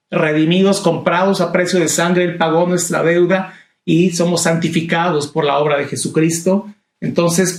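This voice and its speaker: A man's voice: a little high, echoey room. A man preaching a Bible study sermon, repeating key phrases with emphasis and calling the listener brother. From Latin America.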